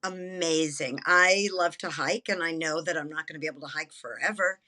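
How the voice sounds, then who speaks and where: Bright-voiced seventy-year-old woman, chatty guest. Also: sits low, brisk. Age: 70s. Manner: enthusiastic, chatty. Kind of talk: casual interview chat.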